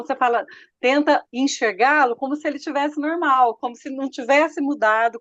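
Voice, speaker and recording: A woman's voice: a little high, dry recording. Hesitant woman on a dull dry mic. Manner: hesitant, repeats fillers like "então". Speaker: Bible study participant. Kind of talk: casual group discussion.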